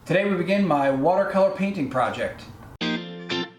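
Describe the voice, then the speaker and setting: A man's voice: high-pitched, expressive, moderate pace, roomy sound, over loud music. A man hosting his own project vlog, chatting casually and explaining each step as he works in his home garage. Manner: chatty and self-deprecating, explains steps as he works. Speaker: host of a DIY project channel.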